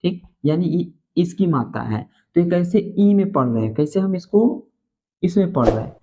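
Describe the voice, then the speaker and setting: A man with a Hindi accent and Hindi as his first language, teaching beginners English phonics, spelling letters out slowly and repeating each answer. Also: high voice, lively intonation, mellow.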